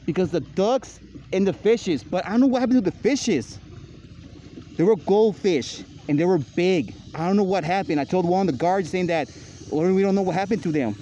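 Outdoors by a lake, a young male channel host vlogs handheld on a phone at arm's length, speaking casually to viewers. His voice sits high with a dark tone at normal speed, captured in a noisy outdoor phone recording.

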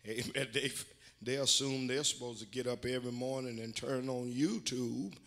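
A man's voice: mid-range voice, normal speed, fairly bright tone. An older man preaching a sermon as bishop in a church, folksy and full of amens, building to emphatic exhortation. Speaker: bishop and pastor. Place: church sanctuary.

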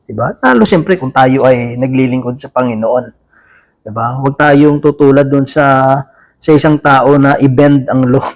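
A man's voice: medium pitch, normal speed. A man preaching a sermon in a casual, conversational way, often turning to the listeners with a question. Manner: many restarts and fillers, chatty and informal.

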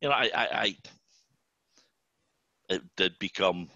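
An older Scottish man with a Glasgow accent talks informally to students as a guest executive, often repeating words as he gets sentences going. His voice is deep, pushed and bright, at a measured pace, and the audio is dull with no echo.

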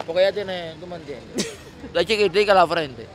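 A man's voice: high voice, lively intonation, normal speed, a crowd in the background. A man with a Dominican accent, interviewing someone on the street in a playful, teasing way.

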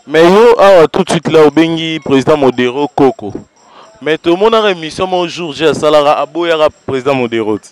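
A man, the interviewer in a casual chat. He puts quick, teasing questions to his guest. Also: on the high side, expressive, clean tone.

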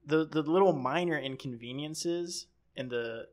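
A man's voice: on the high side, a little slow. A man co-hosting a podcast in casual chat, rambling and acting out quoted people as he tells stories. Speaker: podcast co-host.

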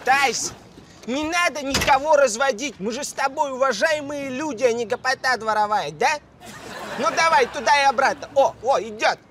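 A squeaky-high cartoon street hustler. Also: male voice, normal speed, background noise. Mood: chummy, smug. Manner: slangy, wheedling, mock-dignified. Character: wily young street hustler taxi driver, smooth-talking, chummy. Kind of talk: animated comedy dialogue.

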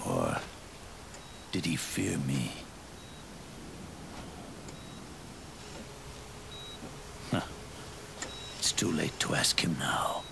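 The recording is very noisy as an older male actor, very animated and exaggerated, voices a scarred, weary old soldier in a game cutscene over orchestral music. His deep, gravelly, breathy growl comes out slow, halting and solemn, grave and reflective with a wistful, pitying mood.

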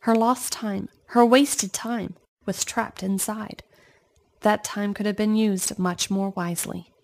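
A woman reading a children's storybook aloud in an expressive storytelling manner, speaking to young listeners. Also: medium pitch, slow. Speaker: storybook reader.

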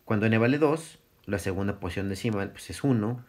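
Low-voiced man teaching math casually. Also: brisk, darkish tone. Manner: casual, self-correcting, thinks aloud, chuckles at his slips. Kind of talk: recorded classroom lecture.

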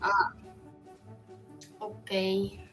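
A woman's voice: medium pitch, completely flat delivery, drawn-out words, a bit bright, faint music behind. A giggly young woman teasing a stranger on a video chat.

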